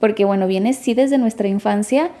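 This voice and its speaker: A woman co-hosting a podcast, calmly explaining step by step in casual chat and putting questions to the others. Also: mid-range voice, normal speed. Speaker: podcast co-host explaining grief.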